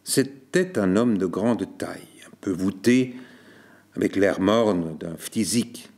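A man reading a literary story aloud as narrator, in a measured, deliberate way. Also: low-pitched, animated, creaky, a little mellow.

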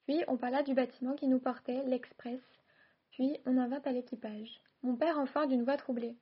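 A woman reading a classic short story aloud in a measured, quiet narrating voice. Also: high voice, fairly even intonation, slightly rough, lo-fi sound.

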